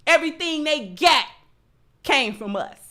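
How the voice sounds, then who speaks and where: A woman hosting a livestream delivers impassioned commentary to her audience, reading out chat messages and repeating phrases emphatically to drive her points home. Her voice is high and animated, with a measured pace and a sharp tone.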